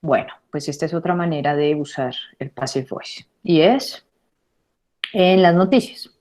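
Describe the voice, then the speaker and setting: A woman teaching an online English lesson, repeating words slowly to model pronunciation. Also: sits low, a little mellow.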